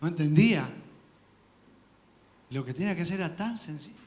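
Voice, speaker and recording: Argentine guy preaching in church, kinda high voice, earnest testimony w little laughs. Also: expressive, a little fast. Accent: Argentine Spanish. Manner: earnest, shares personal testimony with soft laughs and restarts. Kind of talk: sermon.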